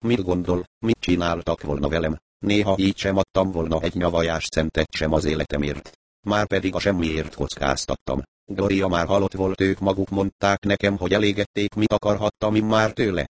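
Guy reading a cocky cynical adventurer in an audiobook, low voice, dry sound, brushing everything off. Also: steady tone, no echo, lightly acted. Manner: dismissive, sarcastic. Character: brash cynical male adventurer, shrugging off blame.

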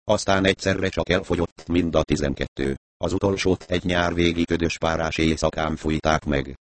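A man narrating a novel as an audiobook reading, calm and even, close to the mic. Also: sits low.

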